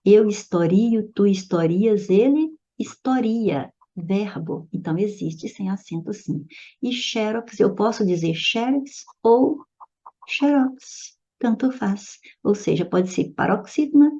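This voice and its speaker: A woman's voice: mid-range voice, lively intonation, a little slow, dark tone, muffled recording. A woman teacher working through grammar exam questions, explaining each answer patiently and checking in with her students. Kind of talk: recorded lesson solving exam questions.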